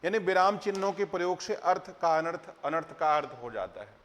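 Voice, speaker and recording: A man's voice: high voice, lively intonation, a little fast, a bit bright. A middle-aged man teaching exam candidates, explaining with rhetorical questions and recited verse. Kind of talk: lecture to exam students. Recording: long hall reverb.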